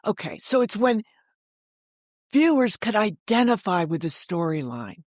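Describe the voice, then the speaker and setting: A medium-pitched, sing-song woman's voice with a darkish tone, measured in pace and captured dry at studio quality. She is an interview guest, author and storyteller, recounting digressive, chatty tales and imitating what others said, the whole thing animated and conversational.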